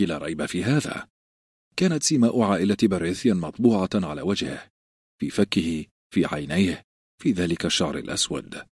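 A man narrating an audiobook in a measured storytelling manner, close to the mic. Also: deep voice, darkish tone, slightly rough, no echo. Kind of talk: scripted narration.

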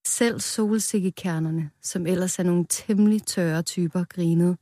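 A woman reading a children's story aloud in a calm, playful storytelling manner, close to the mic. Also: lowish voice, no echo.

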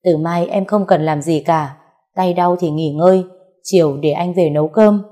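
A woman reading plays an earnest young husband, measured and firm as he pleads his case. The voice stays low-set and mellow, close to the reader's own tone. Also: close to an everyday voice.

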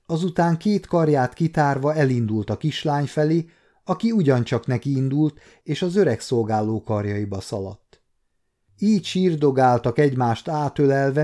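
A man in his fifties calmly narrating an audiobook. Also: mid-range voice. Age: 50s. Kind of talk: scripted narration.

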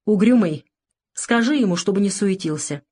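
A woman voicing a calm, unflappable male convict in an audiobook, speaking coolly and curtly. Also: mid-range voice, normal speed, slightly rough.

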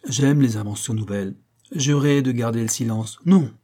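A man's voice: medium pitch, normal speed, mellow, lightly acted. A man reading the lines of a threatening master criminal in an audiobook, speaking with barely held anger. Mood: menacing. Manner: threatening, angry. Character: menacing master criminal, middle-aged man.

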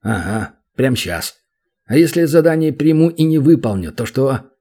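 A man's voice: medium pitch, sing-song, moderate pace, mellow, breathy edge. A man voicing a sly, mocking male demon hero who drawls dry, teasing remarks, in an audiobook.

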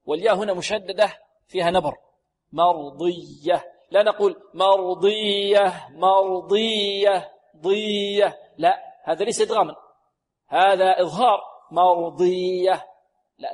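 A man teaching Quran recitation on the radio, stretching words slowly to demonstrate sounds and then explaining briskly. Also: sits high, fairly even intonation, husky, big-room sound. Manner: slow drawn-out demonstration of sounds, repeats words; brisk explanations between examples. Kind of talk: tajweed lesson on radio. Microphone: recorded for radio.

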